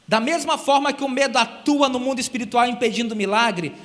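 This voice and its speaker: A Brazilian man preaching a sermon in a church, emphatic and animated, swinging between loud emphasis and quiet asides. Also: very high-pitched, in a large hall. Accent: Brazilian Portuguese. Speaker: guest preacher. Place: large church hall.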